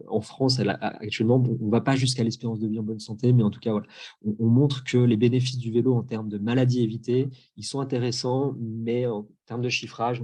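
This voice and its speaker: Mellow-voiced man explaining hesitantly. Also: lowish voice. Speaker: researcher presenting on a webinar. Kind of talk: explanatory answer in a webinar.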